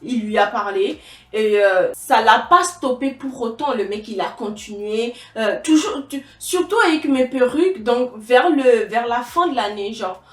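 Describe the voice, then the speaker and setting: A young woman from Togo tells her story to camera in a fairly high voice, halting often and restarting her sentences. Her voice sits a bit back from the mic and rings in an echoey room. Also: expressive, far from the mic. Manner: halting, many fillers and restarts. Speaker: vlogger.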